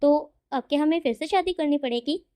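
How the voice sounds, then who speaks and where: A woman voicing a cheerful, excitable young man who is newly married. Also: high voice, brisk, lightly acted. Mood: excited.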